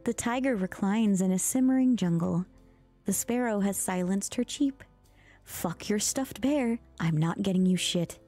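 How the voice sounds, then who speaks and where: A woman streamer giving a soft ASMR-style storybook reading, speaking gently, dipping into whispers and making mock-exasperated asides. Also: mid-range voice, normal speed, soft background music.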